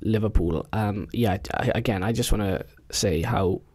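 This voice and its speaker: A young man, chatting casually about football as a podcast co-host, animated and slangy. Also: on the low side, moderate pace.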